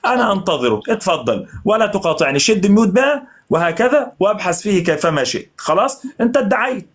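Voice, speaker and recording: A man's voice: high voice, quick pace, breathy edge. A man in a heated online debate, commanding and telling his opponent to stop interrupting. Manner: commanding, tells the other to calm down and stop interrupting.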